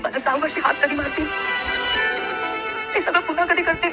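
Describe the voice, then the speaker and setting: A tearful young wife, high bright voice. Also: female voice, steady tone, moderate pace, faint music behind. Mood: sorrowful. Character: young wife grieving for her sick father figure. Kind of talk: TV serial acting.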